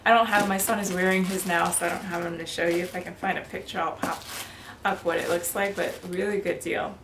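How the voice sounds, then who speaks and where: This thirties-aged fashion vlogger chats about her haul in a bubbly, laugh-filled way, speaking at the low side with fairly even intonation. She sits in a bedroom or apartment, captured at mid-distance by a camera on a tripod, with roomy indoor noise throughout.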